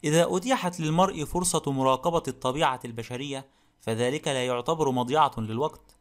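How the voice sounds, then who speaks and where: A man voicing a polite, fastidious male detective who speaks calmly and courteously in an audiobook. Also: mid-range voice, close to an everyday voice. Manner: calm, courteous and measured. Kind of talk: audiobook character reading.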